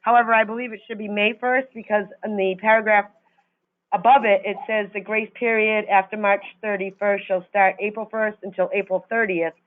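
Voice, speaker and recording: A woman's voice: medium pitch, flat delivery, a little fast. A woman joining a town meeting remotely from a town hall office, her audio glitching and cutting out as she stammers through points about a fee schedule. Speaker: board member at a town meeting. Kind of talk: public meeting discussion. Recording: tinny glitching phone-like call line.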